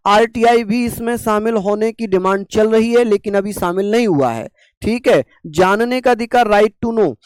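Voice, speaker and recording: A man teaching a class on constitutional rights, asking rhetorical questions and slowly repeating key terms. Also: sits high, clean tone, no room sound, clean studio sound.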